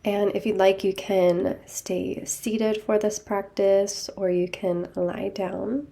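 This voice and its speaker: A woman leading a guided meditation over a video call, speaking gently and soothingly. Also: medium pitch, flat delivery, slow, gravelly.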